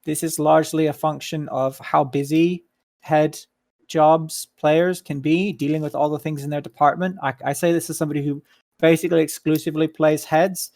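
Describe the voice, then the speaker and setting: A man at an online community meeting, explaining his views in a measured way with frequent ums. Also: on the high side, flat delivery, gravelly, darkish tone, dry recording, clean studio sound. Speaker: staff member at a community meeting. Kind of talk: casual voice chat.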